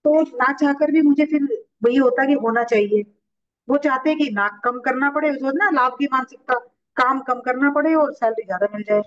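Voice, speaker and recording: A woman's voice: sits high, normal speed, muffled recording. A woman taking part in an online discussion, speaking earnestly and explaining her situation at length. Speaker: participant. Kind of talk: casual discussion. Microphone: online call.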